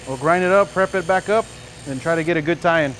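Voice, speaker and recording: A man's voice: a little high, brisk, slight background noise. Folksy man teaching welding in a shop. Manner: relaxed, folksy, frequent "you know". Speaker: welding instructor. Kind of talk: casual demonstration tutorial. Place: large welding shop indoors.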